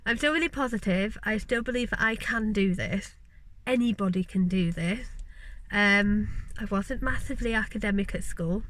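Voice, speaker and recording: Poor audio captures this mid-range, slightly bright voice at normal speed: a mature woman from West Yorkshire who vlogs about studying law. Chatting earnestly to camera in her Yorkshire accent, she wanders off on tangents and says um a lot.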